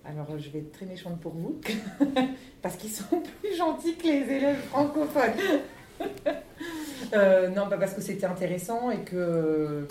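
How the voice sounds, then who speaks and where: A woman's voice: mid-range voice, big pitch swings, unhurried, mellow. A woman teacher answering interview questions in a chatty, teasing way, laughing often. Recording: echoey room, distant mic, faint noise.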